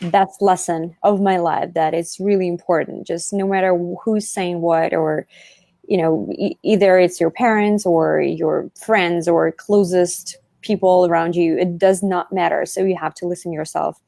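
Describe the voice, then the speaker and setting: A woman from Russia, a guest on an interview show, talking lively and giggly with lots of "like"s. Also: lowish voice, normal speed, vocal fry, no echo, clean studio sound. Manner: lively, giggly, loose phrasing with many "like"s. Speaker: actress guest. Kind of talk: casual interview chat.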